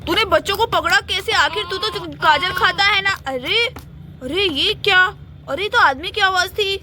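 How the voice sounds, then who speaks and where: A woman voicing a kindly, brave uncle who talks in a brisk, protective, commanding way. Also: very high-pitched, noisy background. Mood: fierce. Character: brave kindly male uncle, rescuer of children.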